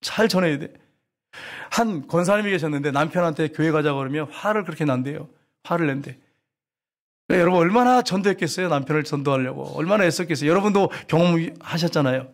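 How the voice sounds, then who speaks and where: A man's voice: a little high, fast. A male pastor preaching a sermon, telling stories and asking the congregation questions.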